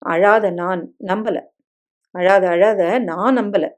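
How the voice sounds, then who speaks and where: Woman reading as a young husband, gentle, teasing, devoted, soft coaxing tone, storybook reading. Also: medium pitch, steady tone, slow, natural voice.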